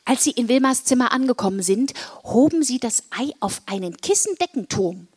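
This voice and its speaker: A woman reading a children's story aloud, with an expressive, varied storytelling delivery. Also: fairly high pitch, moderate pace, husky. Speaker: story reader.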